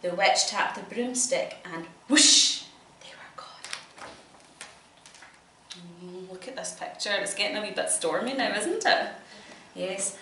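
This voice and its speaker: A Scottish woman reads a storybook to a child, encouraging and asking lots of questions. Her voice is medium-pitched with a sharp tone, recorded from a distant mic in an echoey room with a noisy background.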